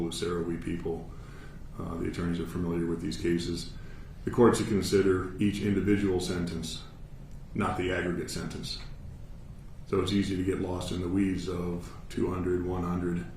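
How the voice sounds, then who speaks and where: A man with an American accent speaking as a judge, giving a formal sentencing statement in a measured, matter-of-fact, authoritative way. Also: deep voice, darkish tone. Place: courtroom. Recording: echoey room, distant mic, faint noise.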